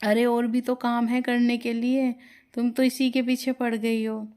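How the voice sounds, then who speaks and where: A woman's voice: fairly high pitch, level tone, unhurried, warm tone, clean tone, close to an everyday voice. A woman voicing a worried, complaining old mother-in-law in a storybook tale, with a raised, scolding voice.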